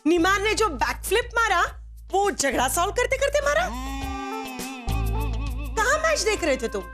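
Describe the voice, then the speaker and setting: Casting: slow, expressive, commanding mother-in-law for a TV serial. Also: extremely high pitch, soft background music, heavily acted. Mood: suspicious. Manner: interrogating, then doting. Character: politically prominent mother-in-law, stern. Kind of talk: TV serial acting.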